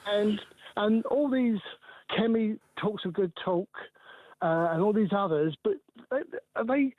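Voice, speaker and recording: A man in his sixties from England calls in to a phone-in show. He speaks hesitantly, with many ums and restarts, in a fairly high voice. The sound is dry and close. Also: measured pace, dry recording, narrow, tinny audio. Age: 60s. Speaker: caller. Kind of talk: phone-in call.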